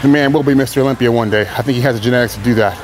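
Rattling along fast in a mid-range, slightly mellow voice, a professional bodybuilder in his thirties talks casually to the camera between sets. He's in a large indoor gym with music and slight background noise, laid-back and candid, his phrasing loose and full of fillers.

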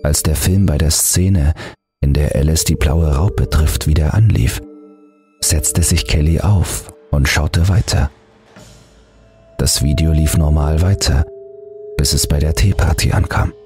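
Very deep-voiced man narrating horror. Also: unhurried, music in the background. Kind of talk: scripted horror audiobook narration.

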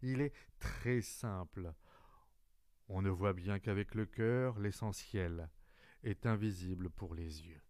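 A man's voice: deep voice, no echo, studio quality. A man voicing a wise, patient fox. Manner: calm, measured, wise. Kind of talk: audiobook reading.

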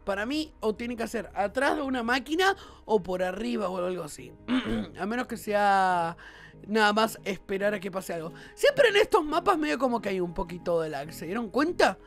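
A man with a Rioplatense Spanish accent giving let's-play commentary, excitable and often bursting into shouts. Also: high-pitched, moderate pace, gravelly, soft background music. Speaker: gaming YouTuber.

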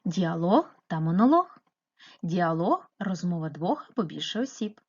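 A woman's voice: on the low side, very animated, normal speed, a little mellow, husky, lo-fi sound. A woman teaching a primary school class remotely, explaining step by step and asking patient questions. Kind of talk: remote lesson narration.

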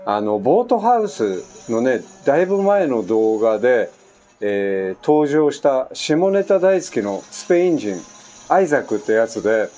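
A man's voice: mid-range voice, moderate pace. A man in his sixties from Japan, chatting casually through a story with many asides, recording at home. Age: 60s. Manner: chatty, animated anecdote telling with frequent asides. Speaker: vlogger. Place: at home on an island, construction nearby. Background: faint construction noise.

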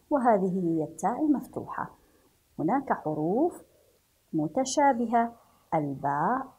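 A woman teacher with a Yemeni Arabic accent, slowly leading a children's reading lesson, repeating words for pupils and praising them often. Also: mid-range voice, warm tone, breathy edge, low-quality recording.

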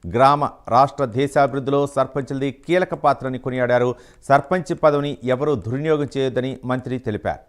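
A man's voice: mid-range voice, steady tone, fast talker, clear, resonant tone. A man reading a formal, scripted news report as a voice-over.

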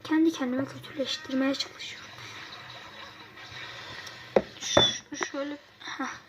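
A kid giving casual gameplay commentary to viewers, excitable and quick to frustrated outbursts. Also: high voice, very noisy. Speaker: gameplay youtuber.

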